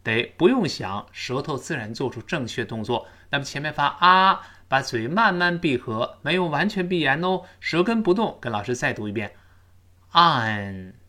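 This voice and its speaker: Lively-voiced male English pronunciation teacher. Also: fairly high pitch. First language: Chinese. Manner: explains in detail, slows way down for model sentences. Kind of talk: spoken English lesson with repeat-after-me drills.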